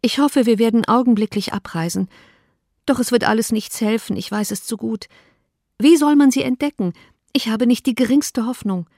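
A woman's voice: a little high, moderate pace, mellow, dry recording, studio quality, voice pushed up. A woman reading an audiobook, voicing a distraught, tearful young woman with a raised, pleading voice. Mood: anguished.

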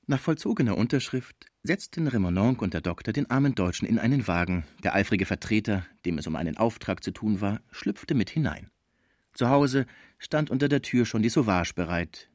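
A man narrating an audiobook in a measured, even reading. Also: on the low side, no echo, clean studio sound. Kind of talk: scripted narration.

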